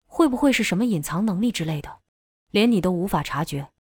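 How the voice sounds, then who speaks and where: A woman's voice: lowish voice, animated, a little fast, darkish tone, breathy edge, no room sound. A brash, cocky young male sidekick from an action novel, as a woman narrator voices him, close to her own voice but full of swagger. The recording is dry. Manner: brash and certain.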